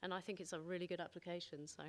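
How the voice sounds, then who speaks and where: A woman's voice: on the low side, little pitch movement, very fast. A middle-aged woman giving an informal scientific conference talk in a conversational, enthusiastic way. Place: indoor conference venue.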